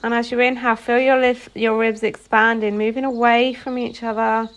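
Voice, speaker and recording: Pitched on the high side, this woman's delivery is flat as she leads a guided meditation. Working as a yoga nidra instructor, she offers calming directions one phrase at a time, pausing between them.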